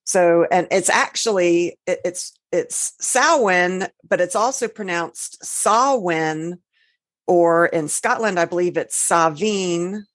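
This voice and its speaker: Lower-voiced woman, chatty and dry. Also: a little slow, few pauses, dry recording. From Georgia, US. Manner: chatty, explains at length, laughs often. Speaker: podcast co-host. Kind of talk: casual chat. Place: recording apart from her co-host.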